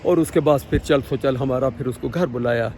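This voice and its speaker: A man from Pakistan, telling a personal story in a casual, animated way and acting out the dialogue. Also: medium pitch, slight background noise. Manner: animated, acts out quoted dialogue. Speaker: vlogger.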